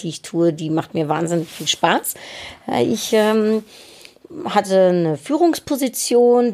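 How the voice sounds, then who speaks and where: A woman hosting a podcast, speaking in a reflective monologue with halting delivery as she thinks aloud. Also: on the low side, a little mellow. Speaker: podcast host.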